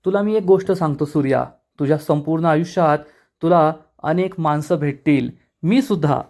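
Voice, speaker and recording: A man voicing a kindly elderly grandfather who gently advises a young man. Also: a little high, moderate pace, close to an everyday voice. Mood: gentle.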